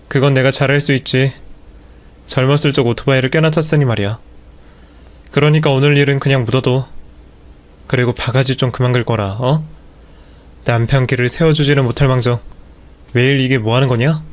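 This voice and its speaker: A man's voice: mid-range voice, steady tone, fairly quick, pauses often, lightly acted. A man voicing a lazy, excuse-making unemployed husband. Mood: sulky.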